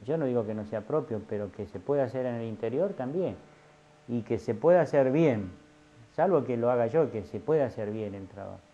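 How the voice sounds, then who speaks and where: A man's voice: medium pitch, dark tone, a little hiss or hum. A middle-aged man from Santa Fe with an Argentine accent, telling his story as an artisan with many fillers and restarts. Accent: Argentine Spanish. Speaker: filete artisan. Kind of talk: casual interview testimony. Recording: dull lo-fi audio.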